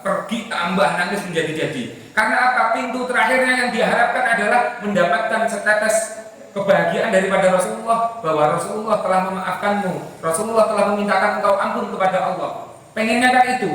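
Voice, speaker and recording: A man gives an Islamic sermon, animated and full of rhetorical questions, acting out the dialogue of a story. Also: sits high, a little fast. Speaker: preacher. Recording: echoey hall from far off.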